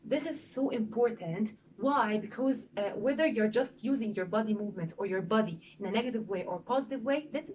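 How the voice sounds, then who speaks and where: A young woman who speaks Egyptian Arabic as a first language, teaching presentation skills in English with a lively, demonstrative manner and many "okay?" fillers. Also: fairly high pitch, slight background noise.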